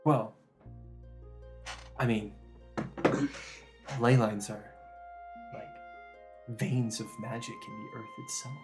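A man voicing a distracted, evasive male magic teacher who is far older than he looks, in a breathy voice. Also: medium pitch, fairly even intonation, very slow, pauses often, music in the background. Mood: musing.

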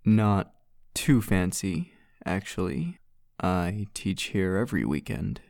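A man's voice: sits low, expressive, slow, creaky, darkish tone, dry recording, clean studio sound, heavily acted. An actor playing a young male art student who teaches, wry, blunt and self-possessed in an audio drama. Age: young adult.

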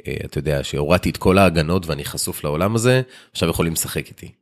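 Deep-voiced male podcast host. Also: expressive. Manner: colloquial, telling personal stories. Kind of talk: casual chat.

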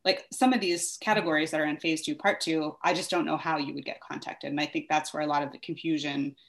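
Low-voiced chatty woman, thinking aloud. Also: fairly even intonation, fast talker, creaky. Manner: laughs lightly while talking. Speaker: vice mayor, co-host. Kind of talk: casual civic discussion.

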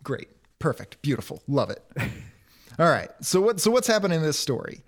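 A man's voice: on the high side, big pitch swings, moderate pace. A man hosting a casual podcast chat, wry and crude, steering the talk along. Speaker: podcast host.

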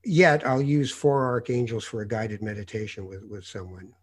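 Husky guy from north africa, journalist host, tells stories all animated, lots of uhs. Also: lowish voice, normal speed. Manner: animated anecdotes, hesitant fillers. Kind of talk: conversational interview storytelling.

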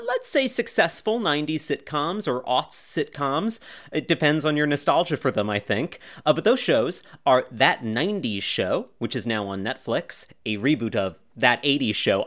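Animated joking male podcast host. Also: medium pitch. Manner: jokey, animated, rambling asides. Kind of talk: casual podcast chat. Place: cabin in the woods.

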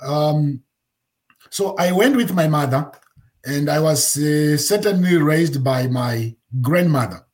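A man in his fifties from Zimbabwe, a pastor telling his life story in an interview, pausing often with fillers. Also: fairly high pitch, a little mellow. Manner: halting, many fillers.

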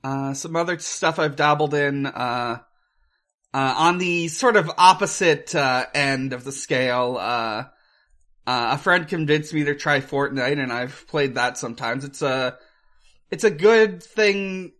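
A man with a slightly high, somewhat bright voice co-hosts a casual podcast about films and video games. He's unhurried, and his speech is hesitant and packed with fillers.

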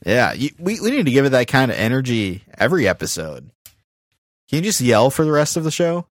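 A man's voice: medium pitch, big pitch swings, a little fast, dry recording, studio quality. A man co-hosting a casual podcast, teasing his co-host in playful banter.

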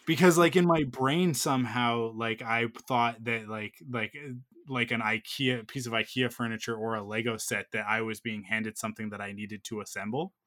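A man's voice: mid-range voice, fairly even intonation, moderate pace, fairly bright tone. A man in his thirties telling a long personal story in casual chat, full of fillers and restarts. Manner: rambling, filler-heavy storytelling.

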